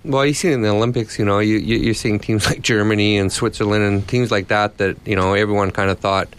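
A man's voice: on the low side, steady tone, fast talker, smooth. A man answering casually as a coach in an interview, very colloquial and punctuated with filler phrases. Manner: colloquial, punctuated with "you know". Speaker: ice hockey coach, interview guest.

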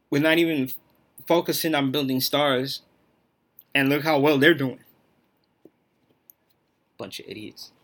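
Blunt, bright-voiced man ranting on a podcast. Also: medium pitch. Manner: blunt, profane and opinionated. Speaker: podcast host. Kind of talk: solo opinion podcast rant.

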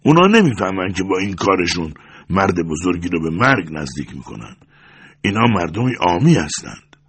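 A man voicing an emotional, passionate middle-aged merchant in an audiobook, with a loud, hoarse voice that swings between shouting and pleading. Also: low voice, sing-song, full character voice. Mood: irritated. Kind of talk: audiobook character voice.

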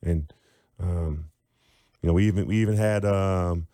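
Male teacher-author guest, animated explainer, low warm voice, dry close sound. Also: unhurried, no echo. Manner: animated, demonstrates sounds aloud.

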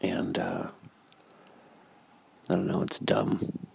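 Very low gravelly man, sleepy ramble. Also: little pitch movement, takes it slowly, a little mellow. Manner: rambling, self-reflective, frequent fillers and restarts. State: sleepy, yawning. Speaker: stand-up comedian. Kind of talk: casual vlog monologue.

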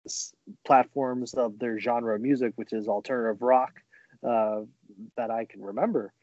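A man's voice: mid-range voice, a little mellow, no echo. Laid-back man, dull dry sound. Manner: laid-back, halting with many fillers. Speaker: podcast co-host. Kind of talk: casual chat.

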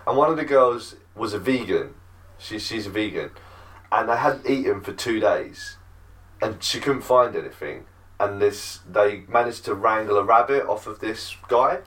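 Casting: fairly low male podcast host, rambling casual storyteller, a touch off-mic. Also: expressive, moderate pace, fairly bright tone, far from the mic. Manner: rambling storyteller, loses names, swears. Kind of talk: casual chat.

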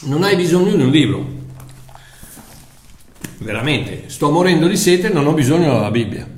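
Male preacher, slightly high voice, loose conversational sermon with restarts, echoey room. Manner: conversational, repeats words while searching for them.

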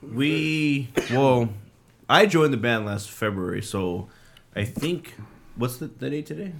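A man's voice: mid-range voice, animated, takes it slowly, vocal fry, fairly bright tone. A man in his late twenties, a band's drummer, chatting casually in an interview and rambling with lots of fillers and restarts. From Southern California. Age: late 20s. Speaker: drummer in a band.

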